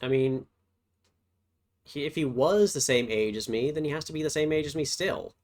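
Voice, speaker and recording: A man's voice: a little high, moderate pace, darkish tone. A man giving casual let's-play commentary, playful and thinking aloud as he works through puzzles. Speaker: game streamer.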